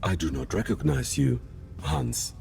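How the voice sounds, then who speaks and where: A man's voice: medium pitch, sing-song, unhurried, creaky, darkish tone, soft background music, heavily acted. A man voicing a stern male security robot that guards a station and answers with rigid, repetitive rule-bound replies in a video game.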